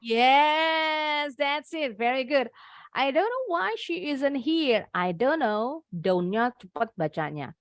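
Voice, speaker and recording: Woman teacher, slightly high voice, dry close sound, slow and clear for kids. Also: big pitch swings, dry recording. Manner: slow, clear modeling of words for children. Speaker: English teacher. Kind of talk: online class teaching.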